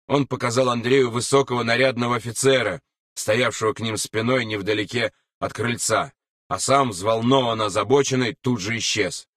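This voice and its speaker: A man reading an audiobook in a measured, unhurried way. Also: medium pitch, fairly bright tone, no room sound, studio quality, far from the mic. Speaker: narrator. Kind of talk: audiobook narration.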